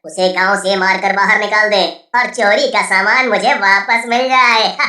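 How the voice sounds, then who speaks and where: A woman's voice: mid-range voice, steady tone, normal speed, noisy background, lightly acted. A woman voicing a scheming, cowardly male villain in a cartoon, cackling and stammering. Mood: gloating. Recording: roomy echo from a distance.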